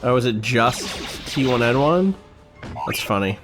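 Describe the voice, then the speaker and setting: A man's voice: medium pitch, lively intonation, unhurried, over music. A man hosting a podcast, giving casual let's-play commentary in a laid-back, joking way. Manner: laid-back and joking, with beeping droid noises. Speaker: podcast host playing a video game.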